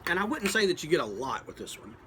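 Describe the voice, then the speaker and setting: A man giving a casual, unscripted product review, thinking aloud in a halting, folksy, plain-spoken way. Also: a little high, big pitch swings, sharp tone, a little hiss or hum. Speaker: pipe tobacco reviewer.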